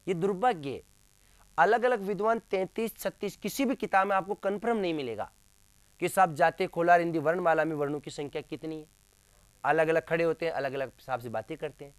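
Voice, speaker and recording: A man with a slightly high voice, recorded with no echo, teaches a class lecture. Calling his listeners friends, he asks questions, supplies the answers himself, and stresses important terms by repeating them.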